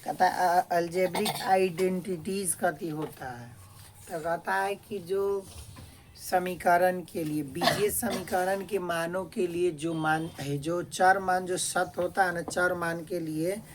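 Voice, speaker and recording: A woman teacher dictating a lesson to a class slowly, repeating each phrase and adding stern asides. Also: lowish voice, fairly even intonation, background noise. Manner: slow repetitive dictation, scolding asides.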